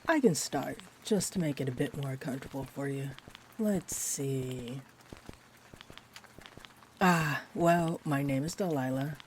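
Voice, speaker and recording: In an intimate roleplay audio, a woman portrays a sweet, rambling, friendly vampire bartender who looks twenty-four, speaking gently and hesitantly with whimsical tangents. Her bass voice is slow with long pauses, and the mood is chatty and musing. Steady rain plays behind her, with slight background noise.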